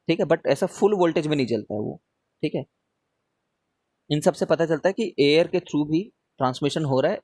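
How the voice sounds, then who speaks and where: A male teacher runs a relaxed live revision class, his voice sitting a little higher than most men's. He talks in a loose, chatty way, keeps checking that his students follow, and takes up their questions one by one. The sound is dry and close, with no room echo. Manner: answers questions read out from students.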